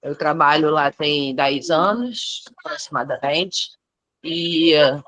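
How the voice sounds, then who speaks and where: Low-voiced teacher, dry sound. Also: female voice, fairly bright tone, dry recording. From Rio de Janeiro. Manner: thoughtful, measured, frequent "né?" tags. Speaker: teacher in a training course. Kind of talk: reflective discussion on a video call.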